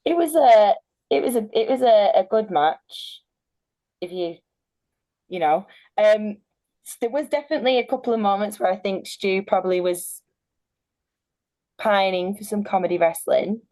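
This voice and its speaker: A woman's voice: medium pitch, moderate pace, long pauses, dark tone, low-quality recording. A woman co-hosting a podcast in casual, chatty talk.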